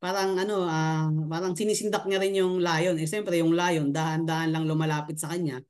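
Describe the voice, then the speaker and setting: A man's voice: a little high, steady tone, fairly quick, a little mellow. A man who coaches affiliate marketing, telling a funny story on a live stream and laughing often as he chats.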